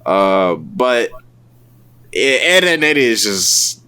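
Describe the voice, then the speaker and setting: A man's voice: medium pitch, very animated, slow, bright, forceful tone, clear, resonant tone. A man hosting a casual podcast, joking and teasing his friends as he runs a show tournament. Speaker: podcast host. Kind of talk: casual chat.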